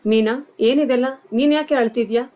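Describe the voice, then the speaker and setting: A woman voicing a calm young husband and son who gently reasons with his mother in a storybook tale. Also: a little high, normal speed, pitched above the performer's own voice, close to an everyday voice. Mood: concerned.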